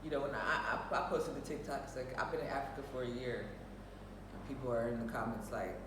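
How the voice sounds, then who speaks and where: An American woman co-hosting a show chats casually and opinionatedly, outspoken and emphatic, repeating phrases to drive her point home. Her voice is very deep and brisk, picked up by a distant mic with roomy echo and faint noise.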